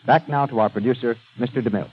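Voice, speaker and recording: A man's voice: medium pitch, fast talker, breathy edge. A man working as a radio announcer, giving cast credits and appeals in a polished, formal delivery on an old radio show. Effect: old radio show broadcast sound. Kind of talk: 1930s radio broadcast announcing. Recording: dull lo-fi 1930s radio recording with faint hiss.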